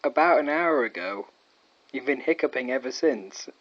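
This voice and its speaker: A man teases his partner from behind the camera, amused and dry. His pitch moves about a lot as he talks. The audio is a little dull, with faint noise in the background. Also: lively intonation, moderate pace. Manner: teasing, amused. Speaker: camera operator. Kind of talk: casual home video banter.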